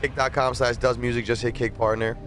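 This young streamer's medium-pitched, level voice moves a little fast over background music, game gunfire, vehicle noise and ambience. Seated at a desk in a small room with a close mic, he offers casual tips and commentary, slangy and repetitive.

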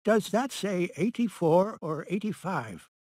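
A frail elderly man in an animated comedy. He speaks slowly in a high, husky, wavering voice that moves up and down, recorded dry. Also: dry recording. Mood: feeble. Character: frail, doddering old man.

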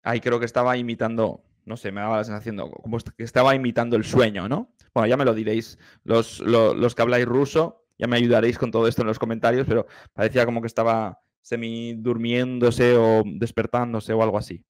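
A man's voice: mid-range voice, level tone, fairly quick, few pauses, dry recording. A man, a choir director giving enthusiastic, explanatory commentary while reacting to a singer. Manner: explanatory, enthusiastic, hums vocal demonstrations.

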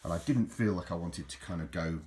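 A man's voice: sits low, brisk, dark tone. A middle-aged man, casually reminiscing over old photos in a rambling way, often repeating his words. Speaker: vlogger.

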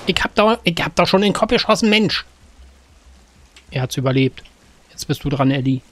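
A man giving casual gameplay commentary, chatting to game characters with sudden excited outbursts. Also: a little high, moderate pace. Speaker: gaming let's-player. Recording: faint game music behind.

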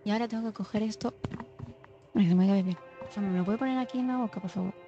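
A young woman streamer races through casual chatter in a mid-range voice, muttering to herself as she plays a game and sometimes falling into a mock ASMR whisper. Faint music plays in the slightly dull-sounding recording.

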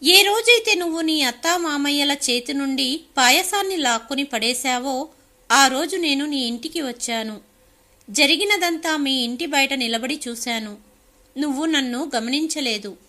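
A woman's voice: sits high, unhurried, sharp tone. A woman playing a stern old mother. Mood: reproachful. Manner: stern, reproachful. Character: stern old mother scolding her grown daughter.

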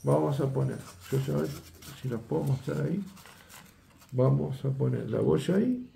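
The older instructor's medium-pitched voice has vocal fry and a warm tone as he sets up a fishing rig at a table indoors, talking at normal speed. He chats his way through the demonstration, regularly tossing out "¿eh?" and "¿ves?". There's room echo and a little background noise.

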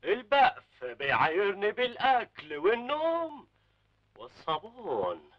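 A man's voice: sits high, huge pitch swings, a little slow, distant mic, exaggerated voice. An actor with an Egyptian Arabic accent playing a grumpy old man who complains and pleads in an old film comedy. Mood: grumbling. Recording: dull old film soundtrack with music.

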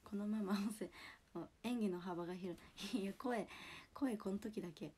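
A young woman in her twenties with a Toyama accent and a husky, lowered voice, chatting and apologizing on a casual livestream. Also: moderate pace, mellow, slight background noise. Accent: Toyama dialect. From Toyama, Japan. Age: 20s. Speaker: idol livestreamer.

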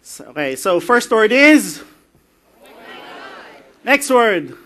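A Filipino-accented man gives a conference talk in a light, joking way, his voice high and bright. He chats easily with the crowd and slips in bits of Tagalog. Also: big pitch swings, takes it slowly. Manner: joking, chatty, mixes in Tagalog phrases. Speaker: conference speaker. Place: conference hall.

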